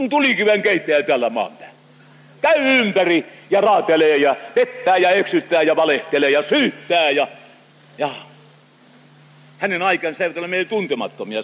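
A man preaching a sermon, expressive and full of small hesitations as he reads and explains scripture. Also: high voice, in a large hall, rough recording.

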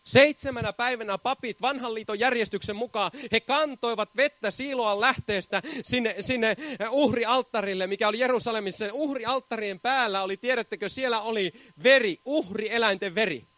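Fervent male preacher, high and tense, dry close sound, bursts of hallelujah and laughter. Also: hardly any pauses, pushed and bright, no room sound. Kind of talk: charismatic sermon.

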